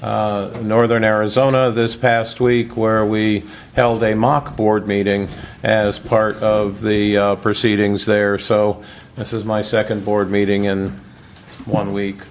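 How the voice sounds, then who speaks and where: A man's voice: on the low side, level tone, slow. An American man speaking as board chairman, making formal, procedural remarks in a meeting room. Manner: official, procedural.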